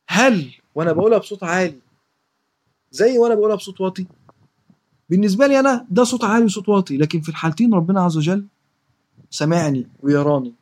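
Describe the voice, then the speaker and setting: A woman with an Egyptian accent teaches children a religious lesson in a quick, driving delivery. She repeats her points with emphasis and slows right down whenever she recites a verse. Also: lowish voice, darkish tone. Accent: Egyptian Arabic.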